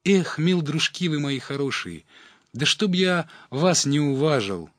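A man reading an audiobook, voicing a drunk middle-aged village man with a slow, eager drawl. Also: a little high, sing-song, dry recording, studio quality, voice pushed up. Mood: drunken.

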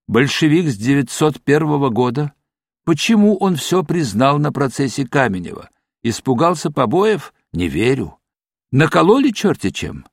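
A man narrating a novel as an audiobook, in an expressive, brooding manner. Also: medium pitch, no echo, clean studio sound.

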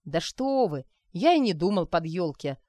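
A woman's voice: fairly low pitch, sing-song, normal speed, dark tone, dry recording. A woman reading aloud and voicing a well-groomed man who speaks earnestly and a little hesitantly. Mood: eager.

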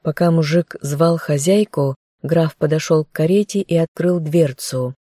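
A woman reading a novel aloud in scripted first-person narration with a steady storytelling manner. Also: low-pitched, measured pace, no echo, studio quality. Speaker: audiobook narrator.

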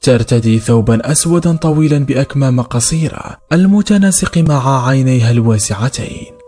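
A man narrating a horror story in a steady, measured reading. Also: medium pitch. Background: faint music.

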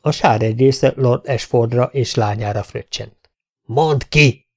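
A man narrating a fantasy story as an audiobook reader, measured and steady. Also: medium pitch, vocal fry. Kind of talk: scripted narration.

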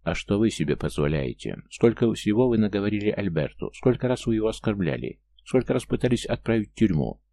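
A man's voice: on the low side, very animated, brisk, gravelly, hardly any pauses, mellow. A man reading a harsh, bitter young man. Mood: bitter, accusing. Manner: harsh, cold, accusing. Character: angry grieving young man, loyal friend. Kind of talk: audiobook character reading.

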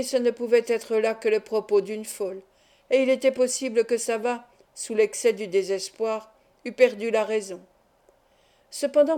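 A woman with a fairly high, mellow voice reads a classic adventure story as scripted audiobook narration, heightening her delivery for the dialogue's quarrels.

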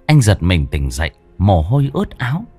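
A man's voice: sits low, big pitch swings, breathy edge. Dramatic male horror narrator. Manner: slow, dramatic, hushed. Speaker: storyteller. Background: faint music.

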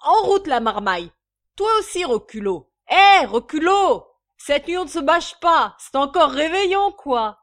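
A woman's voice: high-pitched, sing-song, slow, a bit bright, pitched above the performer's own voice, heavily acted. A woman voicing a rowdy, slang-spouting drunken working-class man in a storybook reading. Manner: boisterous, slangy, hiccuping.

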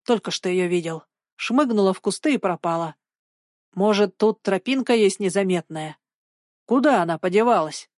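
A woman's voice: mid-range voice, normal speed, a little mellow, no echo, clean studio sound, natural voice. A woman voicing a frightened, bewildered young boy in a storybook reading, tense and muttering. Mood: agitated.

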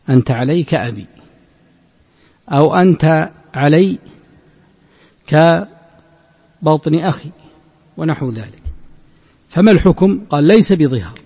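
A man giving a classical Islamic law lesson, explaining a text slowly and repeating his points. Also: a little high, a little mellow, slightly rough, big-room sound. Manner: slow, measured explanation with frequent repetition of points. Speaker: religious scholar teaching a text.

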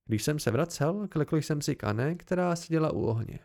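A man narrating an amateur audiobook with an expressive, storytelling delivery. His voice is slightly high for a man, gravelly, and swings widely in pitch. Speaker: audiobook reader.

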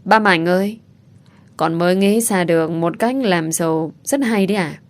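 A woman's voice: fairly low pitch, moderate pace, lightly acted. A woman voicing a small, affectionate boy who talks in a pleading, childlike way. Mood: eager.

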